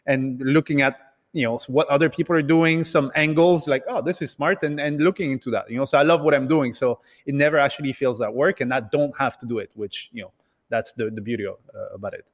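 This entrepreneur, raised in Italy and a number of other countries, shares his background as a podcast interview guest in a medium-pitched voice. He speaks haltingly and hesitantly, repeating words, and the recording carries a hall-like reverb.

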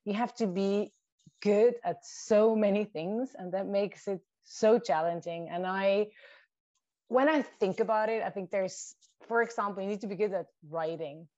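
A Swiss woman whose first language is Swiss German, a shark scientist, answers interview questions thoughtfully, listing points with small restarts. Her mid-range voice has a darkish tone. The recording is dull, lo-fi, and dry, with no room sound.

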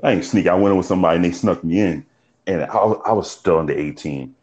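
A man's voice: low-pitched, quick pace, darkish tone. A middle-aged man with a Bronx New York accent, chatting casually and telling stories in street slang. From New York City. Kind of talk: casual chat. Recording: dull lo-fi audio.

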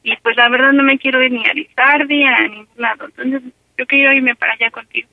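A woman's voice: high-pitched, fairly even intonation, a little fast, dry recording, phone-quality sound. A woman making a prank call to her mother, nervous and pleading, repeating herself. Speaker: caller doing a prank call.

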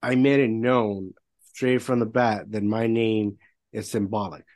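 A man's voice: fairly low pitch, steady tone, unhurried, darkish tone, no echo. A man who is a real estate entrepreneur, speaking candidly as a podcast guest with frequent fillers. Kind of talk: casual conversation.

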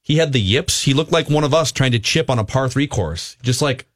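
A man's voice: medium pitch, lively intonation, brisk, no room sound. Dry-sounding male American sports talk host. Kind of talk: sports talk host banter and live-read ad.

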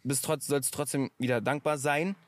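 A man's voice: medium pitch, steady tone, moderate pace, no room sound. A man talking in a casual podcast conversation, reflective and sometimes searching for his words. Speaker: podcast guest.

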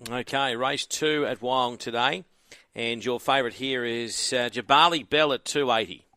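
A man's voice: mid-range voice, moderate pace, pushed and bright, clear, resonant tone, dry recording. An Australian man hosting a live racing radio show, interviewing guests casually on a studio microphone.

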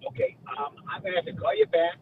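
A man calling in by phone at an arena game who holds the phone away from his mouth, so he sounds distant and hard to hear, talking hesitantly. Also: fast. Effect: phone held away from the mouth, hard to hear. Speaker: caller. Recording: tinny phone line with faint noise.

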